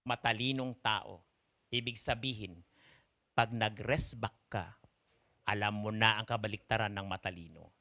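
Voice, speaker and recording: A Filipino man preaching a sermon in a mix of Tagalog and English, often asking his listeners questions. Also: fairly even intonation. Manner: mixes Tagalog and English, asks the congregation questions; slow, emphatic delivery with sharp swings in pitch and volume.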